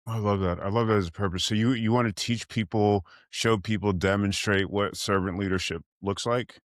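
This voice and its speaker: A man's voice: fairly low pitch, fairly even intonation, moderate pace, dry recording, studio quality. A man hosting a podcast interview, upbeat and promotional, asking long, winding questions. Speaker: podcast host.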